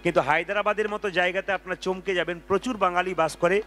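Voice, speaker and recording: A man preaching between devotional kirtan songs, energetic and urging the crowd to chant along. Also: sits high, fast. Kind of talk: devotional kirtan with spoken sermon and call-and-response chanting. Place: large outdoor devotional gathering with crowd. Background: folk music with tabla.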